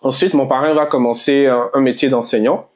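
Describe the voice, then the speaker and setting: A man's voice: medium pitch, steady tone, brisk, darkish tone. A young man from Côte d'Ivoire giving a casual faith testimony, telling his story with frequent laughter and repeated words. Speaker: guest sharing a faith testimony.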